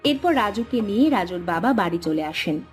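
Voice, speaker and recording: A woman giving scripted storybook narration for a cartoon in a steady storytelling manner. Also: mid-range voice, normal speed, faint music behind.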